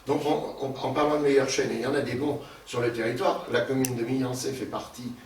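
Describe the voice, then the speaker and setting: Man, panel moderator, halting speech, many fillers, middle pitch, faint background noise. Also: flat delivery. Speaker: round table moderator. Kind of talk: summarizing a panel discussion. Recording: roomy hall, distant mic, some noise.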